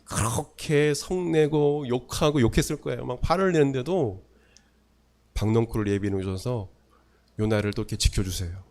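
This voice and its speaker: A man's voice: mid-range voice, a little mellow. Emphatic male pastor preaching. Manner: emphatic preaching, alternately slowing and speeding. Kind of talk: sermon. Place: church.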